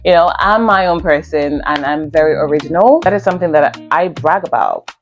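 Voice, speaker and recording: Low-pitched and animated, speaking a little fast, this young vlogger from Nigeria chats casually to camera in a Nigerian accent. It's her first vlog, and she speaks earnestly, repeating things for emphasis over faint background music.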